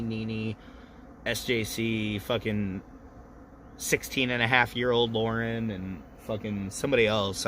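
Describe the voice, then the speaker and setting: Man, thirties, livestream host, low pitch, tipsy, rambling, profane. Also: a bit bright, a little hiss or hum. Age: 30s. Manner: loose, profane storytelling. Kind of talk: casual rambling chat.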